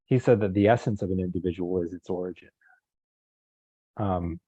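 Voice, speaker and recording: A man in a casual philosophical conversation, measured and bookish, who quotes philosophers as he speaks. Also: low voice, warm tone, breathy edge, no echo, highs cut off. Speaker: co-host in discussion.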